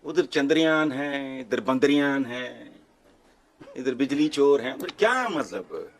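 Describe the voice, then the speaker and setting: A man's voice: medium pitch, animated, takes it slowly. A man, scornfully making his case on a TV panel and repeating words for effect. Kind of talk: heated TV panel commentary.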